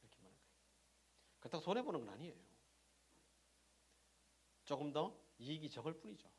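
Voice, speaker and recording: Middle-aged pastor guy, high voice, preaching, keeps asking the crowd stuff then answering, loud then quiet. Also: very animated, brisk, slightly rough. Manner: asks the congregation questions and answers them himself; swings from loud emphasis to soft, low asides. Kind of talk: sermon.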